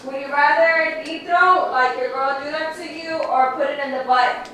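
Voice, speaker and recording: A woman's voice: sits high, steady tone, normal speed, a bit bright, distant mic. A woman co-hosting a podcast in casual, slangy chat, reading out viewer comments bluntly. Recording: echoey room, faint noise.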